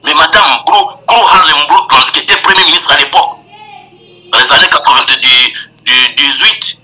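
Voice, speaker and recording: A man's voice: fairly high pitch, moderate pace, sharp tone. An older man gives impassioned political commentary over the phone, emphatic and stammering through restarts. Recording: tinny phone line.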